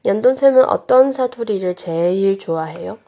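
Female co-host, dark gravelly voice, inquisitive. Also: mid-range voice, animated, moderate pace. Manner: curious, asks the teacher questions. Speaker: co-host and learner. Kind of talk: casual podcast chat.

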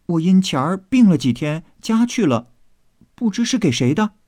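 Qiuwen, a man doing a high chirpy maid girl. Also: very animated, moderate pace, a little mellow, no echo, clean studio sound. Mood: eager chatter. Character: lively young maidservant girl, eager and chatty.

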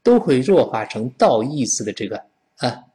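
A man a lilt and teaches English pronunciation, a voice that rises and falls widely. His pitch sits in the middle for a man. He models words slowly and has listeners read along after him. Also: sing-song, mellow. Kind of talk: explaining English pronunciation to learners.

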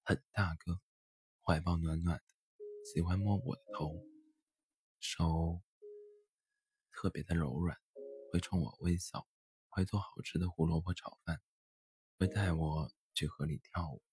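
A man's voice: deep voice, steady tone, measured pace, pauses often, darkish tone. A man voicing a sweet, playful young female bunny in a children's storybook, talking in a bubbly, teasing way.

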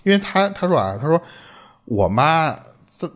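At a normal speed and fairly high pitch, this man hosts a podcast where he casually retells a listener's eerie tale. He's lively, curses freely, and performs the quoted lines.

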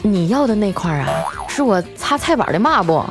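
A woman's voice: mid-range voice, sing-song, a little fast, close to an everyday voice. A woman voicing a middle-aged male butcher who speaks awkwardly and hesitantly, with music playing behind. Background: background music.

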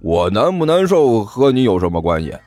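A man's voice: medium pitch, very animated, moderate pace, darkish tone, no room sound, soft background music, lightly acted. A man voicing a prim, self-righteous schoolmate with a sneering, tattling manner. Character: snide, prim male schoolmate who tattles.

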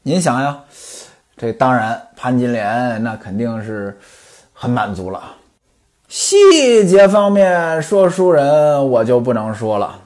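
A man's voice: mid-range voice, sing-song, slow pace, darkish tone. A man narrating in the traditional storytelling style, with chatty asides to the listener and a playful, knowing tone.

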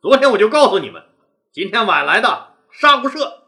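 A stern older rebel chief , put on by a male storyteller, speaks with a raised, forceful, bright edge. His pitch swings widely as he hammers out his commands. He sounds like a boss who means every threat. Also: big pitch swings, normal speed, heavily acted.

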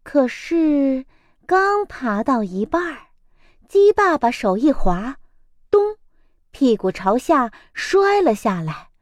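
A woman hosting a children's story program, reading a picture book aloud in a gentle, expressive way. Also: sits high, takes it slowly, no room sound, clean studio sound. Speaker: storyteller host.

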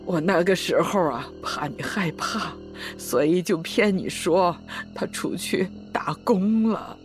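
A slow, sighing old grandmother. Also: on the low side, over music. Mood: grave. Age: older. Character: elderly grandmother, tender and worried. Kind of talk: audio drama acting.

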